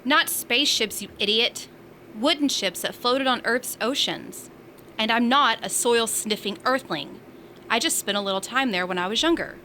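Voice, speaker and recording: In a science fiction audio drama, a woman plays a feisty space station resident, teasing in a sassy, bantering way with a bright, punchy voice. Her pitch is on the high side and her speed normal, with faint ambience and a little hiss or hum behind her.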